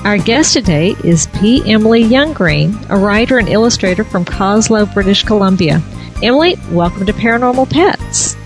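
A woman's voice: medium pitch, expressive, moderate pace, soft background music. A woman hosting a radio show, interviewing a guest in a conversational way.

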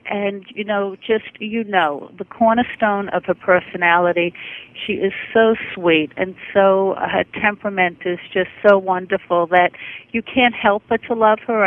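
A woman's voice: lowish voice, no room sound. A middle-aged woman, a guest in an interview, chatting effusively and rambling through her stories. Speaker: guest, dog owner. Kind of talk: casual interview chat. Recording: tinny phone-line radio audio.

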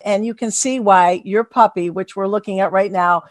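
A woman's voice: medium pitch, fairly even intonation, moderate pace, no room sound. A woman hosting a podcast over a video call, talking in a gushing, upbeat way. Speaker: podcast host. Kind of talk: casual interview chat.

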